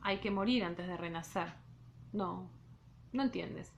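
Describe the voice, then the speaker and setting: A woman's voice: lowish voice, slow pace, muffled recording, slight background noise. A woman reading the part of a mysterious young woman aloud from a novel. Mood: pleading. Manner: read aloud softly from a novel.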